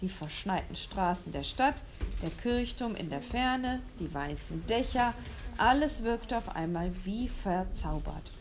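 A woman reading a children's story aloud, lively and expressive, with small slips. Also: mid-range voice, measured pace, noisy background.

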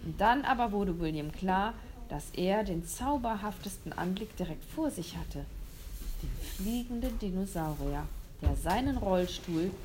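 A woman reading a children's story aloud, lively and expressive, with small slips. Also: mid-range voice, a little slow, slight background noise.

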